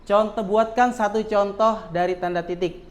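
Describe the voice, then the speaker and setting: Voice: medium pitch, fairly even intonation, moderate pace. Teacher quizzing a class of children. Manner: quizzes pupils often, with frequent tag "ya". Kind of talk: classroom lesson.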